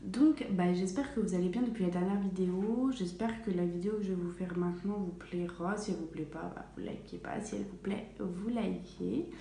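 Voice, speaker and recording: A woman's voice: on the low side, fairly quick, vocal fry, hardly any pauses, dark tone, slight background noise. A young woman vlogger chatting casually in a small bathroom at home, with lots of fillers and self-corrections. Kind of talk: casual vlog storytelling. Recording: echoey bathroom, faint room ambience.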